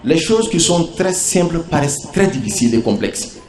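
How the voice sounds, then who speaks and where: A man's voice: fairly high pitch, big pitch swings, darkish tone. Preacher man in an echoey hall. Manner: measured, rhetorical questions to the crowd. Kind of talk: sermon with audience call and response. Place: large gathering at a religious ceremony. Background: crowd.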